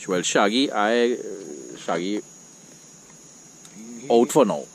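A Trinidadian man with a lowish voice narrates a rural cookout after dark, loose and talkative. His words come through an action camera with plenty of outdoor noise around him, the open night air all over the recording. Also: lively intonation, slow pace. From Trinidad and Tobago. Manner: easygoing, chatty, laughs often. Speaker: vlogger. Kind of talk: casual outdoor vlog narration.

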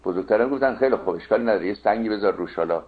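A man lecturing on classical poetry, chanting verses slowly and correcting the wording point by point. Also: fairly low pitch. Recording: narrow phone-like sound.

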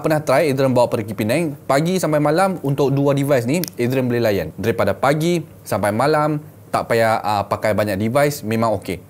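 A man's voice: medium pitch, a little mellow. A man in his thirties with a Malaysian accent, reviewing products in a casual, colloquial vlog style, often repeating himself and addressing viewers as friends. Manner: colloquial, repeats phrases, talks to viewers as 'guys' and 'gang'. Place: small indoor room set up as a gaming studio.

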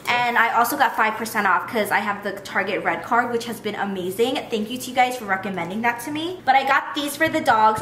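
Bubbly bright-voiced woman vlogging. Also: fairly high pitch. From United States. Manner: bubbly, gushing and giggly. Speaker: lifestyle vlogger. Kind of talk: casual chat to camera. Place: large home kitchen. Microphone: camera mic at close range. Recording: echoey kitchen, faint noise.

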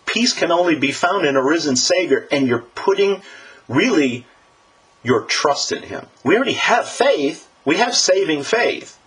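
A man preaching a sermon to his congregation, in an animated and emphatic style. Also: measured pace. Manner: animated, emphatic preaching with lively pitch swings.

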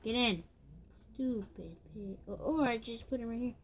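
A girl chatting casually while playing a game, excitable and quick to squeal and shout. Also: on the high side, a loud crowd. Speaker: gamer. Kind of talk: casual gameplay chat.

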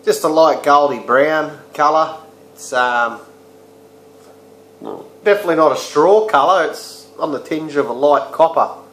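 A man's voice: on the high side, measured pace, fairly bright tone. A man in his thirties with an Australian accent, rambling his way through a casual beer review with crude slang, recorded indoors on a webcam. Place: small room indoors. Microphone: webcam or laptop mic close up. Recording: echoey room.

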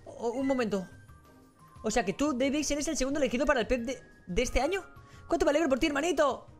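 A man's voice: very high voice, fast talker, soft background music, pitched above the performer's own voice. A man voicing an eager young female trainer from a game, reading her lines in a gushing, enthusiastic way. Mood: excited.

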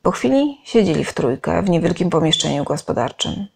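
A woman narrating a fantasy fan story aloud with expressive storytelling. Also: on the low side, brisk, creaky, slightly rough. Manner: expressive storytelling, acting out the characters.

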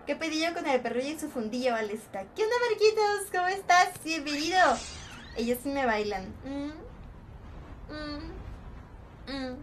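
A woman's voice: high voice, expressive, unhurried, slight background noise. A young Mexican woman streaming a mobile shooter, chatting playfully with her viewers, teasing them and greeting them with pet names. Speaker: game streamer. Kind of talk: live-stream chat while gaming.

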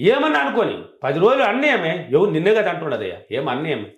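A man coaching couples, talking fast and emphatically and driving his points home with repetition. His voice sits slightly high. A roomy echo hangs around his words. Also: very animated. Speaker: relationship coach. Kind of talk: advice talk.

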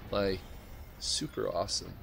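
A man's voice: low voice, little pitch movement, a little slow, vocal fry, background noise. A man, streaming live and commentating his son's game, chatting to viewers and greeting them often. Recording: game music playing loudly behind.

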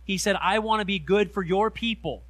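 A middle-aged man preaching a sermon in a church, reading scripture slowly and stressing key words with earnest emphasis. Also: sits high, fairly bright tone, dry recording. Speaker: pastor. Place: church sanctuary. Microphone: handheld mic.

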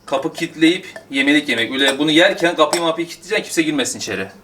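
A man filming a casual cooking vlog in his home kitchen, talking in a playful, excitable way. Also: on the high side, racing, slight background noise. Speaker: cooking vlogger.

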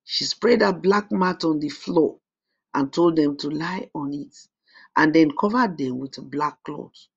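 A storyteller narrates a folk tale at a steady, measured pace. The voice is husky with a gravelly fry. The recording sounds dull and lo-fi. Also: medium pitch.

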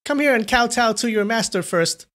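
A man's voice: high-pitched, lively intonation, normal speed, a bit bright, pitched above the performer's own voice. A man doing a brash teasing young swordswoman. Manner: mischievous, goading.

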